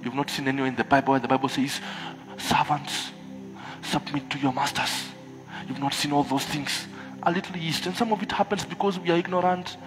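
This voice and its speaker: East African preacher, high-pitched male voice. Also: steady tone, fast talker, over music, low-quality recording. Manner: exhortative, with rhetorical questions and repeated refrains. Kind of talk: church sermon. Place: church hall, speaking from a pulpit on stage.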